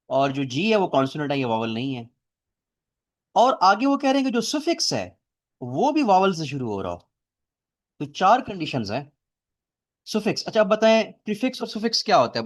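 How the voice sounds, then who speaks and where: A man lecturing a classroom, explaining things step by step and quizzing his students. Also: high voice. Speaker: teacher.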